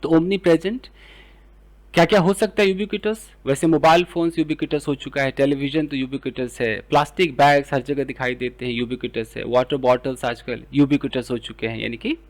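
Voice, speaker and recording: A man with an Indian English accent teaching English words, explaining in Hindi and reading example sentences slowly. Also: mid-range voice, steady tone. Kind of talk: vocabulary lesson.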